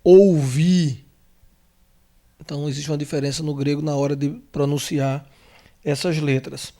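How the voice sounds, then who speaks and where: A Brazilian man teaching a lesson, walking through letters slowly and carefully, repeating names and checking in with the listener. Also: fairly high pitch, completely flat delivery, darkish tone. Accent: Brazilian Portuguese. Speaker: theology teacher. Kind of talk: whiteboard lesson on the Greek alphabet.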